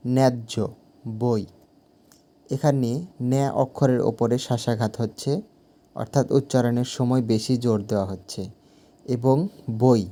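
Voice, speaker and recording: Male teacher, unhurried and mellow, working through an exam answer step by step and restating his phrases. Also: medium pitch. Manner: slow, deliberate, repeats phrases to correct himself.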